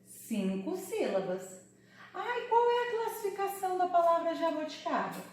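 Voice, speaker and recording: A woman teaching a Portuguese lesson for children, sounding out words slowly syllable by syllable. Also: very high voice, very animated, heavy reverb, distant mic, a little hiss or hum. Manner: slow, syllable-by-syllable explaining.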